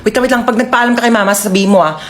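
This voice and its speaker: A woman's voice: mid-range voice, racing, slight background noise. A woman performing a comic skit alone, switching between a bossy mother and a whiny daughter. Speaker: comedy sketch creator. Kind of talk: comic skit playing several family members. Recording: music bed behind the voice.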